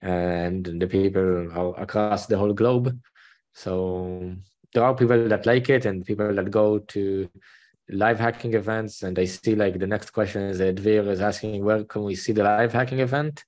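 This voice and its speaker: A man with an Israeli accent speaks on a video call as a panelist, his voice on the low side. He explains things plainly and earnestly, in a relaxed conversational way. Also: normal speed. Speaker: panelist, bug bounty hunter. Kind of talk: casual panel chat.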